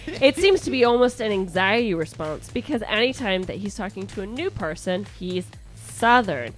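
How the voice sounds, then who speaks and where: This medium-pitched podcast host, a woman with a Midwestern accent, moves at a moderate pace while she reads a listener's letter and jokes around about it. She's animated, restarting often and tossing in asides, and faint music plays behind her.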